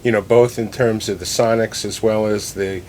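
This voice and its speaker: The president of a loudspeaker company, a guest in an interview, answers questions conversationally from a listening room in a home, explaining his points and repeating phrases for emphasis. His voice is a little mellow, with fairly even intonation and a moderate pace. The recording has clear background noise with a low rumble.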